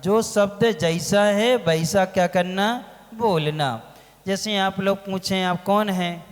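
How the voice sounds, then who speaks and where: High-voiced monk lecturing in a reverberant hall. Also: male voice. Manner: asks the audience questions and answers them himself; stretches key words slowly. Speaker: Jain monk teaching a scripture class. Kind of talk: religious lecture.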